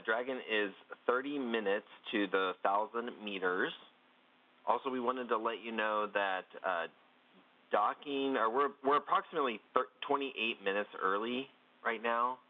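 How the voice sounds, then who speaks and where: A man's voice: medium pitch, normal speed. A male capcom making procedural calls over the space-to-ground radio, with hesitant fillers. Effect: space-to-ground radio link, thin and band-limited. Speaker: capcom in mission control. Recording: tinny phone-like radio line.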